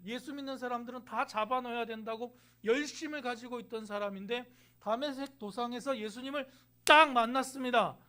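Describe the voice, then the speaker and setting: In a church sanctuary, a male pastor gives a conversational sermon, throwing rhetorical questions at the congregation and acting out quoted lines. His voice is extremely high, pushed and bright.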